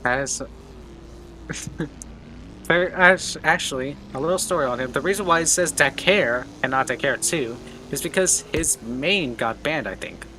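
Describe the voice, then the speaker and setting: A man co-commentating a sim race on a live stream, excitable and quick to read out the grid. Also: medium pitch, a little hiss or hum. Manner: excitable, reads out grids quickly.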